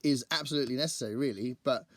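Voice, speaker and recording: A man running his own book channel talks very fast to camera in a casual, rambling, think-aloud manner. His mid-range voice is croaky because he sang at a gig the night before, and the audio has no echo.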